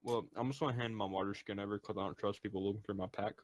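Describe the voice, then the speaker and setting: A male tabletop player with a fairly low voice who talks fast. He jumps in with pushy banter and questions. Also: steady tone. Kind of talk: tabletop game play.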